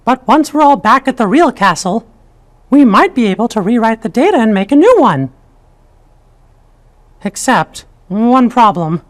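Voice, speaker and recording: An actor voicing a small, brave, kindly mouse king in a cartoon video game, squeaky falsetto, reassuring and resolute. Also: a bit bright.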